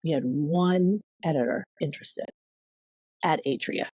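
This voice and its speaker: A woman appears as a podcast guest, telling a long personal story in casual conversation at a slightly slow pace. Her tone is warm, and she acts out quoted voices with big leaps in pitch. There is no room sound.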